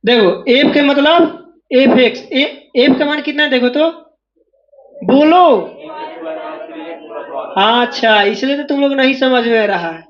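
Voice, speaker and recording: A maths teacher with a strikingly high-pitched voice runs his class, drilling students to call out each step aloud. He sounds like he is in a classroom. The recording is dull and lo-fi. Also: slow pace, pauses often. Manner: drills students, asking them again and again to answer aloud. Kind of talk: classroom lecture.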